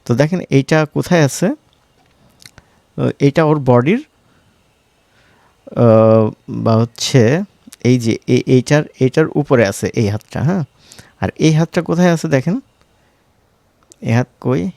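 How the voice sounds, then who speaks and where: Speaking slowly in a medium-pitched, gravelly and mellow voice with long pauses, a male tutorial instructor with a Bangladeshi Bengali accent walks through informal screen-recorded software steps. His style is conversational, with frequent short question tags. There's no echo.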